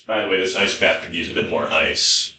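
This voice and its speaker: A man's voice: low-pitched, a little fast, pushed and bright, slight background noise. A man rambling casually as he cooks, swearing freely and muttering to himself. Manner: foul-mouthed, muttering to himself. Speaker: home cook filming himself. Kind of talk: casual rambling cooking chat. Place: indoor kitchen. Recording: roomy, echoey indoor sound.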